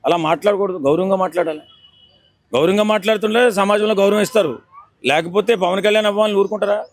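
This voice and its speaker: A man's voice: high-pitched, steady tone, fast, no echo. A man giving an indignant street-interview opinion, lecturing and repeating himself. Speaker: member of the public interviewed.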